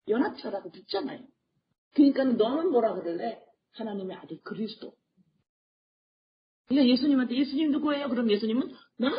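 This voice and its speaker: A woman pastor delivering a sermon. She fires questions at the congregation and answers them herself, and her voice swings between quiet and loud. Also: a little high, muffled recording, a little hiss or hum.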